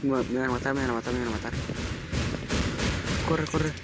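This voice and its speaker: Jumpy man narrating a horror game. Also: mid-range voice. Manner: jumpy, panicky, repeats phrases rapidly when chased. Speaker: gaming channel host. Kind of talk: let's play commentary. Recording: noisy home recording.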